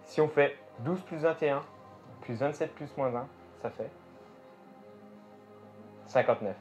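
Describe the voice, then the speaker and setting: A man's voice: on the high side, unhurried, a little mellow. A man performing live magic show patter, thinking aloud and addressing the audience. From France. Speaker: stage magician. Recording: dull lo-fi show recording with music. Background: music.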